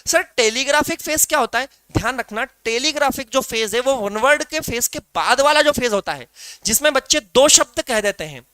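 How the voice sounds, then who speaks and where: Male tutor, high voice, bright and crisp, live online exam-prep class, rhetorical questions, fond "beta" to students. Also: animated, normal speed, no echo.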